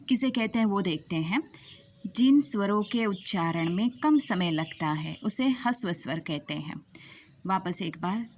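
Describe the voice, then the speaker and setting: A woman teaching a grammar lesson to students, asking questions and slowly repeating each key definition. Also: medium pitch, a little hiss or hum.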